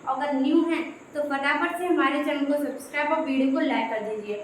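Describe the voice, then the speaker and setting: Female grammar teacher, high voice, strong room echo, faint hiss behind. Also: a little fast. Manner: explains step by step, repeating "dekhiye". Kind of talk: Hindi classroom-style grammar lesson. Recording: very echoey room, faint background noise.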